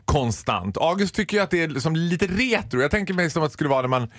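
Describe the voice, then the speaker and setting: Brief: male radio guest, lively swooping pitch, dry close studio sound, playful mimicry. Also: dry recording. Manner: animated, mimics voices, switches into English phrases. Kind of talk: casual morning radio banter.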